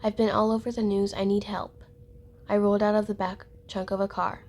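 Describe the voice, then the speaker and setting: A woman's voice: mid-range voice, little pitch movement, a little fast, a little mellow, slight background noise, close to an everyday voice. A woman voicing a frightened young girl who has escaped kidnappers, speaking earnestly.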